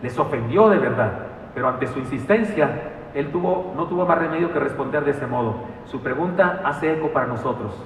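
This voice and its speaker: Pastor preaching in an echoey church. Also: male voice, on the high side, fairly quick, distant mic, slight background noise. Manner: animated, storytelling with humor and asides. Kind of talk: sermon. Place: church sanctuary. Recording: echoey hall, mic from afar.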